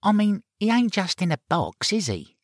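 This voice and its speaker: A man's voice: high-pitched, wildly swooping pitch, normal speed, no echo, clean studio sound, voice pushed up, exaggerated voice. A man voicing a blunt, curious pub drinker. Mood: wary. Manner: blunt, plain-spoken questions.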